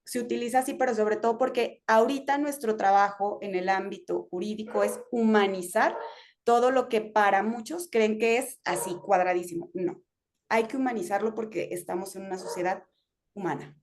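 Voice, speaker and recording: A woman's voice: medium pitch, normal speed, a little hiss or hum. A woman lawyer speaking earnestly on a panel, sharing personal stories with many fillers. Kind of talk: conversational panel talk.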